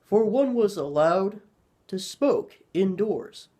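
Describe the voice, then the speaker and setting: A man narrating a horror story in a measured storytelling manner. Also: high voice, animated, dark tone.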